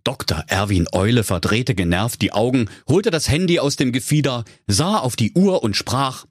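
Husky-voiced male storyteller. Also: medium pitch, lively intonation, moderate pace, no echo, clean studio sound. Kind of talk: comic storybook narration.

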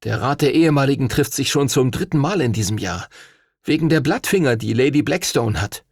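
A man voicing an indignant teenage boy dragon rider who sounds defensive and agitated, his voice raised higher than the narration. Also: expressive, a little fast, creaky, husky, no room sound, clean studio sound. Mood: earnest.

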